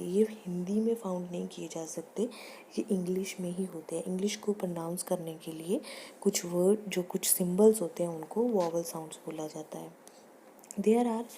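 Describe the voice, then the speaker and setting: Woman teacher lecturing slow, lowish mellow voice. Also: slight background noise. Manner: reads English lines slowly, then explains in Hindi. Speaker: teacher educator. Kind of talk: recorded lecture explaining pronunciation.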